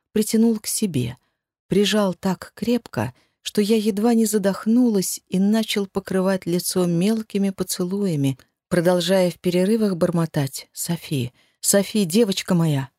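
A woman reading a first-person novel aloud, with an expressive, emotional delivery. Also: mid-range voice, moderate pace, no echo, clean studio sound. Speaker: audiobook narrator. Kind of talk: first-person audiobook narration.

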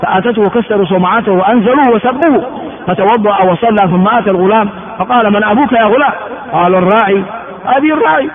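A man's voice: high-pitched, fast, a crowd in the background. A man from Ethiopia giving a classroom lecture on religious texts, repeating words and asking rhetorical questions of his students. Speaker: religious teacher. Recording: phone-like sound in an echoey hall.

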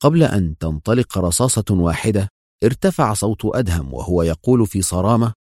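A man narrating an adventure novel in a measured, storytelling manner. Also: lowish voice, expressive, mellow, dry recording, studio quality. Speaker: audiobook narrator.

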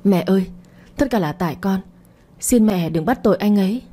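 A frightened young daughter in an audio story, apologetic and pleading, voiced by a woman narrator. The voice sounds soft and breathy, with a warm, mellow tone. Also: mid-range voice, normal speed, natural voice.

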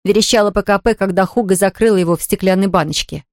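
A woman narrating a children's story aloud in a lively, expressive reading. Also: medium pitch, quick pace, dry recording, studio quality. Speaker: audiobook reader.

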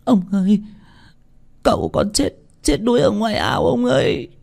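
A man's voice: high voice, wildly swooping pitch, normal speed, creaky, darkish tone, pitched above the performer's own voice, full character voice. A man voicing a young female servant who cries out in panic and stammers. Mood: panicked.

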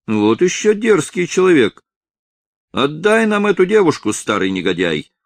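A man voicing a gang of rough, drunken male mule drivers who shout loud taunts. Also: a little high, big pitch swings, moderate pace, no echo, voice pushed up. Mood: jeering.

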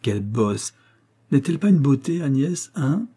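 Man voicing vain coquettish young lady, pitched up, husky dark undertone, storybook. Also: big pitch swings, moderate pace. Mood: mocking.

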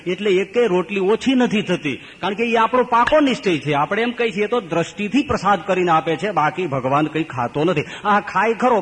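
A man with a Gujarati accent, a swami giving a storytelling scripture discourse, acting out the characters with big pitch jumps. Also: slightly rough, big-room sound, low-quality recording. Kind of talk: storytelling sermon.

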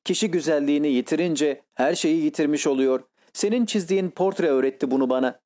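A handsome, anguished young man, voiced by a male reader pours out his feelings with urgent, pleading intensity. The voice sits a little high and warm. The delivery hurries as his passion rises. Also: a little fast, natural voice. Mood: bitter. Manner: impassioned, pleading.

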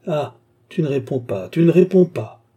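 Casting: male reader doing an old sneering alchemist, dark husky voice pushed higher, taunting. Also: moderate pace, lightly acted. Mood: fierce. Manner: taunting, rising to fierce outbursts. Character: old scornful male alchemist, cold, mocking. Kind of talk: audiobook character voice.

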